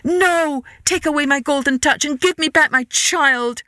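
A woman voicing an excitable storybook king, exclaiming dramatically. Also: mid-range voice, slow pace, no room sound, studio quality. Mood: pleading. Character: King Midas, excitable greedy king turned desperate father.

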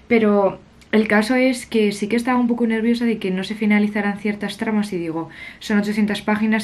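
A young woman from Spain, a little husky from a cold, chatting casually and self-mockingly to her camera in her bedroom. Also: medium pitch. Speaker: vlogger. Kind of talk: casual vlog chat to camera. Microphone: camera at arm's length or on the desk.

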